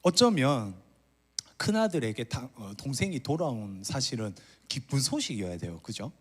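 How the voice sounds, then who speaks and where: A man's voice: mid-range voice, normal speed, breathy edge. A man preaching a sermon as a pastor, telling a story and acting out the characters' complaints. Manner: animated storytelling, acts out the older son's complaints. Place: church retreat hall.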